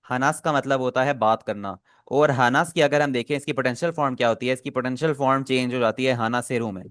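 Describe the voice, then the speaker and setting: A man teaching Japanese in an online class, who patiently repeats phrases and says the Japanese words slowly for students to copy. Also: medium pitch, a bit bright, no echo, studio quality.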